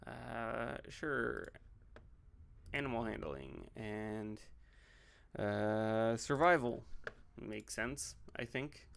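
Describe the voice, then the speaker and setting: A man thinks out loud on a relaxed livestream, wandering between game choices and little jokes. His voice has a gravelly, creaky texture. His pitch rises and falls a lot as he talks, sitting at an ordinary middle height. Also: drawn-out words, long pauses. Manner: rambling, joking asides, thinks out loud. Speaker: pastor and livestream host. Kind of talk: casual livestream, building game characters while chatting.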